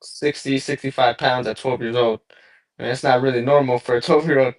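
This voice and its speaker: A man's voice: mid-range voice, fairly even intonation, fairly quick. A young man from Southern California, a boxer answering interview questions in a laid-back, rambling way with lots of fillers over a remote call. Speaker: boxer guest. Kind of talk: casual interview.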